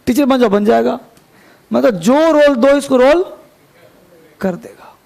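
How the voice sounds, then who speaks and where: A man's voice: very high voice, unhurried, gravelly, darkish tone. A man teaching an English grammar class, chatty and joking, quizzing his students as he goes. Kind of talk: classroom lecture.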